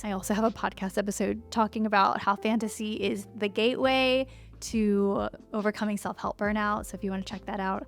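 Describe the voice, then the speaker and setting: Chatty woman vlogger, a little breathless. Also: mid-range voice. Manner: friendly, chatty, laughs often. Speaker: lifestyle YouTuber. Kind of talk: cozy sit-down vlog chat.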